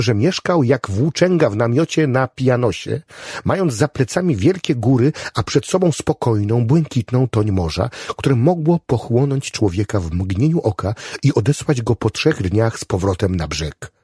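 A man reading an audiobook aloud in an expressive, storytelling manner. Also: mid-range voice, normal speed, slightly rough, no echo, studio quality. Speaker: audiobook narrator. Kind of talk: scripted audiobook narration.

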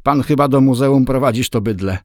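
A man voicing a fat male car owner who teases loudly. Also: on the low side, fairly quick, dry recording, studio quality, natural voice. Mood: scoffing. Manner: loud, teasing exclamations.

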